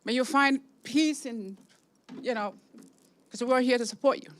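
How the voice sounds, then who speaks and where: High-voiced older woman rambling at a meeting. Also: a little slow. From San Francisco. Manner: rambling, chatty, laughing between points. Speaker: resident giving public comment. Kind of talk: public comment at a meeting.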